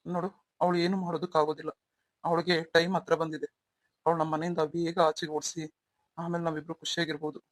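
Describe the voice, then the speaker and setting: A woman voicing a young husband who is protective toward his wife and quick to anger at a rival, in a melodramatic audio story. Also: deep voice, little pitch movement, no echo. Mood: tender.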